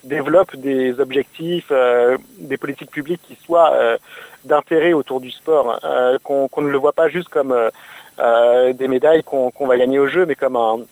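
Male radio guest, mid-pitched, halting with lots of ums and restarts, dry studio sound. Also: fairly even intonation, a little mellow, dry recording, poor audio. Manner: hesitant, many fillers and restarts. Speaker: guest, think tank deputy director. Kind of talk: radio interview answers.

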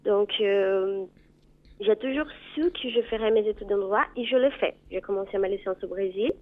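Woman, 20s, Brazilian Portuguese accent, hesitant, filler pauses, thin phone-line sound. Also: medium pitch. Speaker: caller. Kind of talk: radio call-in chat.

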